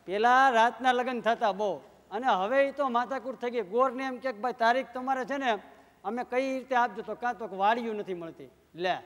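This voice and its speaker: A man's voice: extremely high pitch, in a large hall. A man telling comic stories at a live folk show, acting out the dialogue. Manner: lively storyteller, acts out quoted dialogue. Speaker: folk humorist on stage. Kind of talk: live dayro storytelling.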